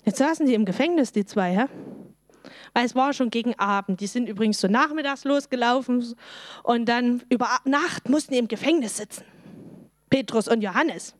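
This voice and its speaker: Lively woman teaching a Bible story. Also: on the high side, moderate pace, no room sound, clean studio sound. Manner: lively storytelling, asks the children questions.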